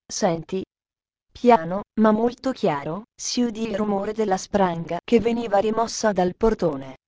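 A woman reading a children's classic aloud in measured storybook narration. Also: mid-range voice, dark tone, dry recording. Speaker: audiobook narrator.

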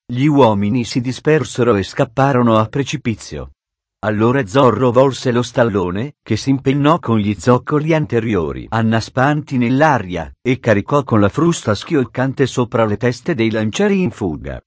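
A man narrating an adventure storybook in a steady, dramatic reading on a close studio microphone. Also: mid-range voice, normal speed, no room sound. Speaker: audiobook narrator.

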